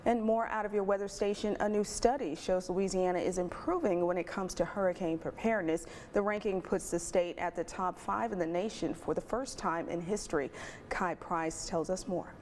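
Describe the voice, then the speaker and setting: A woman news anchor reading the evening headlines in a crisp, measured newsreader manner. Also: fairly low pitch, steady tone, a little mellow, a little hiss or hum.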